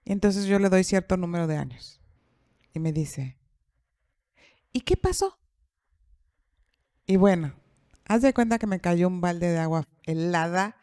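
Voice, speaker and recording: A woman's voice: lowish voice, moderate pace, dark tone, clear, resonant tone, no room sound, studio quality. A middle-aged woman telling a personal story in casual podcast chat, repeating phrases for emphasis. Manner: acts out quoted dialogue. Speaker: podcast speaker.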